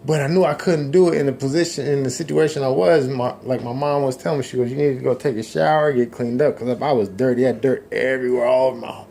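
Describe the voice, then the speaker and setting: A man in his forties telling his religious testimony in a rambling, halting way, with many restarts and trailing asides. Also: mid-range voice, steady tone, gravelly, mellow. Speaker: person sharing a testimony. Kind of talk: casual personal testimony.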